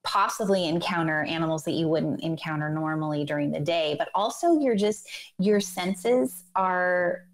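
A woman's voice: fairly low pitch, moderate pace. A woman in her forties speaking as a guest author over a video call with earbuds, enthusiastic and explaining with many fillers. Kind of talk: casual interview chat. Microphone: earbud headset on video call.

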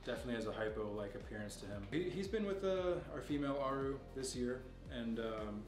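Touring his indoor reptile room, a young facility owner talks fairly quickly at medium pitch about the snakes behind the glass, knowledgeable and easygoing, with frequent fillers. The mic is distant, the room echoes, and music plays behind him.

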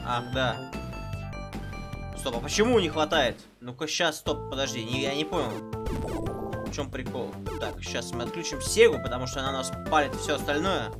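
A man in his thirties chats casually on a live stream from a small room, using a headset and saying hello to viewers individually, with game music in the background. His voice is mid-range and his pace moderate.

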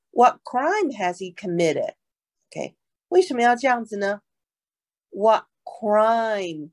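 Woman teacher, low and airy, dry close mic. She reads verses slowly and explains them clearly. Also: no room sound. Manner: explanatory, frequent "OK" and "哈" fillers. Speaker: Bible English teacher. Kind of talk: bilingual Bible lesson.

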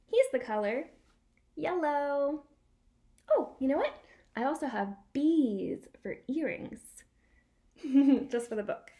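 A young woman teaches little kids, reading a picture book aloud and weaving in sign lessons. Her delivery is high, unhurried, animated and sing-song. She records in a small room at home beside a window.

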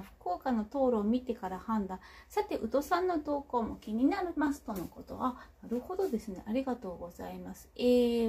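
A woman's voice: a little high, mellow, breathy edge. A woman with a Kagoshima accent, a local politician hosting a casual livestream, who reads out viewer comments in a chatty, self-teasing way. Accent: Kagoshima Japanese. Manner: chatty, self-teasing, laughs between remarks.

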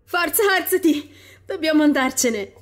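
A woman voicing a panicked young woman in an audio horror story, shouting in a frantic, shrill way. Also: lively intonation, moderate pace. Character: panicked young woman fleeing a deadly family party. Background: faint dark ambient music.

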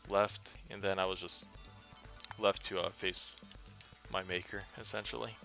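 A tired man giving casual, rambling gameplay commentary in a flat, monotone voice full of fillers. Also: sits low, measured pace, gravelly, faint music behind. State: tired after a day's work.

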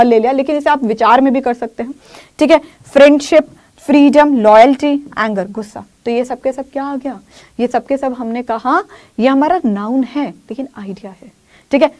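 Woman, high voice, English teacher, grammar lesson in Hindi, slow English examples, repeats phrases. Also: a little mellow. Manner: explains in Hindi, says English example sentences slowly; repeats key phrases and often says "ठीक है".

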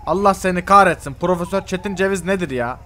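Brief: high-voiced, rapid young man, excitable game role-play, faint game ambience behind. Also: a little hiss or hum. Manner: excitable, exasperated, exclaiming. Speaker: gamer role-playing in a game.

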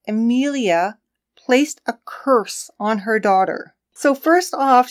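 A woman co-hosting a casual true crime podcast, chatting and laughing as she tells the case story. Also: fairly high pitch.

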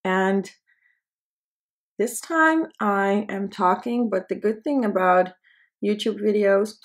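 With a slow delivery and a mid-range voice, a Dutch-native beauty vlogger in her twenties keeps up casual, self-deprecating chatter as she does her makeup on camera in a small indoor studio.

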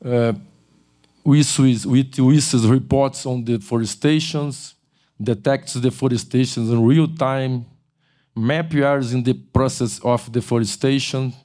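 A man's voice: medium pitch, dark tone. An older man giving a keynote lecture in a large auditorium at a podium mic, often restarting and correcting himself. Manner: halting, with frequent restarts and self-corrections. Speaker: keynote speaker. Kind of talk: conference lecture. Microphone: podium microphone.

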